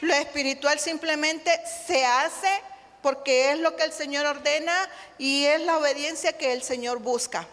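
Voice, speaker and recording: A Honduran woman preaches with earnest emphasis, her voice pitched high. She calls her listeners brothers and drives each point home. Her words trail off into a long reverb, as in a large hall. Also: steady tone, a little slow, a bit bright. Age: adult, married with a child. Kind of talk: sermon.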